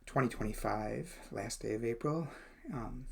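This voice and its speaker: A man's voice: medium pitch, measured pace, creaky, husky. A man reading a daily devotional and sharing his own thoughts, speaking thoughtfully with frequent hesitations and fillers. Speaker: devotional reader and commentator. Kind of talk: reflective spoken devotional.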